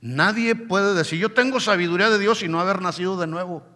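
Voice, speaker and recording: A man's voice: sits high, brisk, bright, forceful tone. A male pastor preaching a sermon with emphasis, often checking in with the congregation. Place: church hall. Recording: long church hall reverb.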